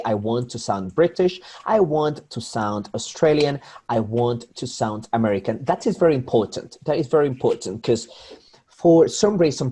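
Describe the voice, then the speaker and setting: Lecturing an online class, this Spanish-accented English teacher addresses students directly in an explanatory style, often restarting his sentences. He speaks at a medium pitch, slightly rough and a little mellow.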